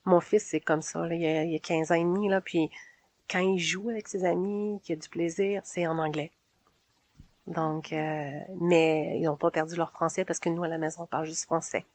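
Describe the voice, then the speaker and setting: A woman's voice: low-pitched, steady tone, moderate pace, a little mellow. A sociable woman in her forties with a Québécois French accent, casually telling her own story in an interview and laughing often between phrases. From Quebec.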